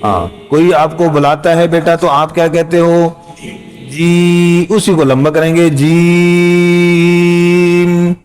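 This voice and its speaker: Man, middle-aged, Quran reading teacher, patient explanations, repeats phrases, drawn-out letter sounds. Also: on the high side, darkish tone, soft background music. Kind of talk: casual spoken lesson.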